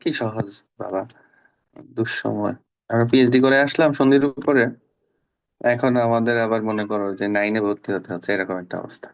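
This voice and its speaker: A man teaching a Bangla class online. He is patient and repeats words slowly to drill pronunciation. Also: on the low side, steady tone, vocal fry, lo-fi sound.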